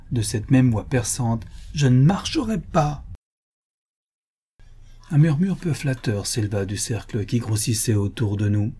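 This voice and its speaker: A man reading a novel aloud in measured, earnest narration. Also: fairly low pitch, dark tone, breathy edge. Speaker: audiobook narrator. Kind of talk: scripted narration.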